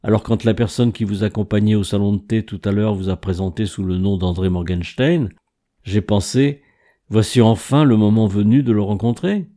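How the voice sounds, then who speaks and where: A man's voice: fairly low pitch, moderate pace, dark tone, natural voice. A man voicing a frail, haunted old composer who hesitates and breaks off with fillers, in a read-aloud story. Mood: hesitant.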